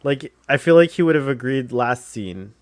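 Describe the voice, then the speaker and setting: Casting: male co-host, mid pitch, dry sound, informal running commentary. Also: animated, moderate pace, dry recording. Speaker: watch-along co-host. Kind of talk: casual chat and commentary.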